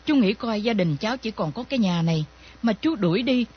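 A young actress playing a gentle daughter who begs plaintively on her parents' behalf. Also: medium pitch, lively intonation, a little fast, breathy edge. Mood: pleading. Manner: begging, plaintive. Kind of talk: radio drama acting. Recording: dull lo-fi recording with faint music.

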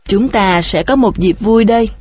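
A woman's voice: mid-range voice, normal speed, a little mellow, breathy edge, no room sound, lightly acted. Woman reading as a mocking letter-writing killer. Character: taunting anonymous male killer writing letters. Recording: dull, dry recording.

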